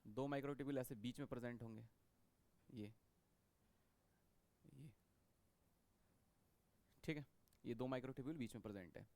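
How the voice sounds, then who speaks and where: A man's voice: mid-range voice, takes it slowly, pauses often, a little mellow. A man teaching a biology lecture in a classroom style. He repeats key points and keeps checking that students follow him. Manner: repetitive, checks understanding with frequent "okay".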